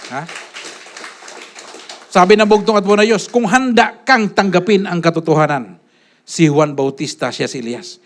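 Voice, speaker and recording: A man with a high-pitched voice preaching a sermon. He swings from raised, insistent lines to near-hushed asides and keeps checking in with his listeners by asking short questions. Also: normal speed, long pauses. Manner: preaches with sharp swings between loud and hushed, often asking "Ha?". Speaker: pastor.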